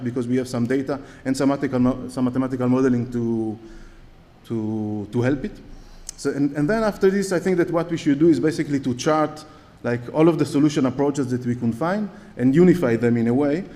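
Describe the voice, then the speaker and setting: A dark, mid-range male voice with an Israeli accent fills a large conference hall, where long reverb trails his words. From a lectern on stage, the conference speaker delivers a talk with audience questions, faltering often with fillers and restarts.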